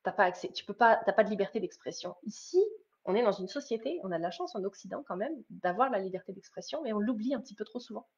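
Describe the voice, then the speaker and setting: A woman's voice: medium pitch, expressive, quick pace, a little mellow, husky. Woman doing a spiritual coaching livestream, earnest, lots of ums and restarts, kinda dull lo-fi sound. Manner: earnest, addresses viewers directly, many hesitations and restarts. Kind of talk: live-stream motivational talk.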